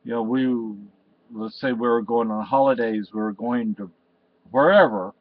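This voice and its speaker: An older Spanish man vlogs into the webcam in front of him from a cluttered room at home, rambling through an emotional personal monologue full of restarts and "you know". His voice is medium-pitched and steady at a normal speed. The webcam audio is dry, slightly dull, and lo-fi.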